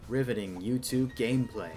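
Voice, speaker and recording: A man's voice: mid-range voice, moderate pace, warm tone. A man in his forties playing a video game, reacting with self-mocking exclamations in casual commentary. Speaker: gameplay host playing the game. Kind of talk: casual let's-play commentary. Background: game music.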